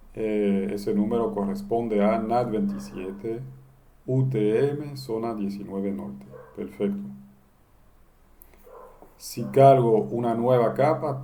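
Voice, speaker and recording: A man giving a step-by-step software lesson, posing questions and answering them himself. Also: fairly low pitch, a little hiss or hum. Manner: explains step by step, asking and answering his own questions. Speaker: instructor. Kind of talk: screen-recorded software tutorial.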